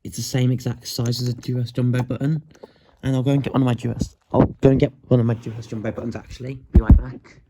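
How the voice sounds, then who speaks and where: A man's voice: mid-range voice, level tone, quick pace, mellow, a little hiss or hum. A man hosting a casual show-and-tell vlog, groggy from just waking up, chatty and often restarting his sentences. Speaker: hobbyist video host.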